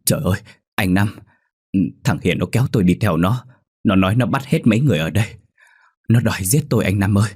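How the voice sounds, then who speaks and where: A man's voice: fairly low pitch, animated, fast talker, pauses often, a little mellow, breathy edge. A man voicing a terrified fisherman who whimpers and panics after a ghost attack, in a spoken horror story. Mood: whimpering.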